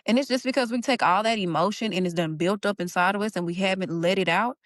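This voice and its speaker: Young mom chatting earnestly, says y'all, dry close sound. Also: female voice, mid-range voice, fast talker, no echo. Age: young adult. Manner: earnest, Southern-tinged informal speech with y'all. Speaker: stay-at-home mom, podcast guest. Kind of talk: casual heartfelt conversation.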